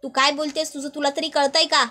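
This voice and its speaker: An earnest young husband who keeps pressing his wife for answers, as a woman storyteller puts him on. The voice sits high and the questions come one after another in a spoken retelling. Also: level tone, fast, bright, forceful tone. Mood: alarmed.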